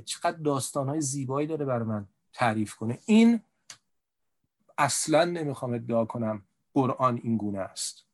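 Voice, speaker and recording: A man's voice: mid-range voice, a little mellow. A male guest in a discussion, earnestly explaining a personal view. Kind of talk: conversational discussion.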